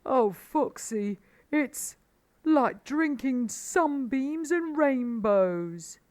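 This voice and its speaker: Lady as a big hearty badger guy, storybook, draws his words out, expressive and indulgent. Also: mid-range voice, slow, voice pushed up. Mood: blissful.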